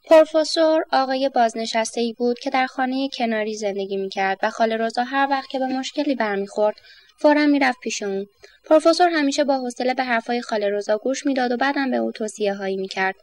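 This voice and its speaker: High-voiced woman reading a children's story. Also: dry recording.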